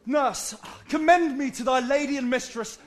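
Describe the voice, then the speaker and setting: A man playing an eager young man in love in a Shakespeare play, giving hurried instructions. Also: very high-pitched. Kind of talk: Shakespeare stage acting.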